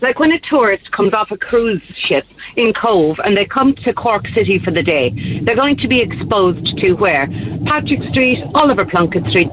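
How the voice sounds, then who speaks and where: An Irish woman with a southwestern Kerry accent, speaking emphatically and indignantly as a caller to a radio phone-in. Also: medium pitch. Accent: southwest of Ireland, Kerry. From County Kerry, Ireland. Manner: emphatic, forthright. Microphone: telephone. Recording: dull phone-in line, faint noise.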